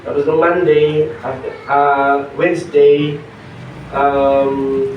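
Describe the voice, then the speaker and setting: A hoarse young man preaching a sermon, mixing in English and pausing on fillers. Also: on the high side, level tone, a little hiss or hum. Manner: mixes Tagalog and English, pauses with fillers. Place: church hall. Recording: echoey hall, distant dull mic.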